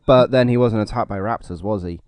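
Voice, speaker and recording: A man's voice: fairly low pitch, fairly quick, darkish tone, clear, resonant tone, no echo. A man co-hosting a podcast, rambling playfully and spinning silly theories in casual chat. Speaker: podcast co-host.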